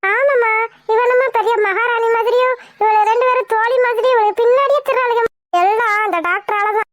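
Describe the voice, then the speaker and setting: Woman doing a jealous cartoon daughter, super high voice, whines a lot. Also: fairly even intonation, fairly quick, no room sound. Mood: resentful. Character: jealous spoiled young woman, whiny.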